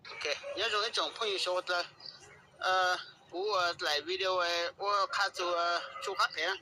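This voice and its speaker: Bright, high-voiced man talking haltingly. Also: steady tone, poor audio. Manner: hesitant, halting, with many fillers.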